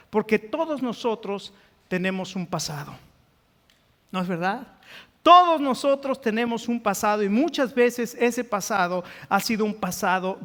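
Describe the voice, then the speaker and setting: A man's voice: extremely high pitch, fairly bright tone. A man preaching a sermon as pastor in a church, putting rhetorical questions to the congregation. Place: church sanctuary. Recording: long church-hall reverb.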